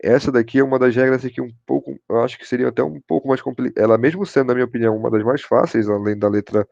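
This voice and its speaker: Brazilian guy teaching english grammar online, gravelly voice, dry dull mic. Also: medium pitch, steady tone, rapid-fire, darkish tone, dry recording. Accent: Brazilian Portuguese. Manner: repeats "show de bola" and "pessoal", checks in with students. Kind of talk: online class explanation.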